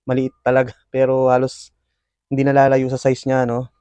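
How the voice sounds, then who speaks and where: A man's voice: mid-range voice, normal speed, clear, resonant tone, dry recording. A man, chatting casually to his viewers while he feeds his pet scorpions and calls the action. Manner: excited play-by-play with frequent fillers, addressing viewers. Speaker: pet scorpion keeper and video host. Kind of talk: casual commentary while feeding pets.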